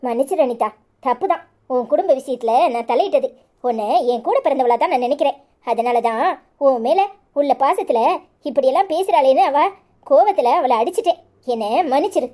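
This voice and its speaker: A woman with a Kanyakumari Tamil accent voicing a soft-spoken, apologetic young woman in a cartoon. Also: sits high, expressive, a little fast. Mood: pleading.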